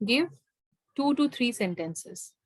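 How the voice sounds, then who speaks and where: A woman's voice: on the high side, expressive, extremely slow, rough recording. A woman with an Indian accent tutoring over a video call, mixing Hindi and English and often checking that her student has understood. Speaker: IELTS speaking tutor.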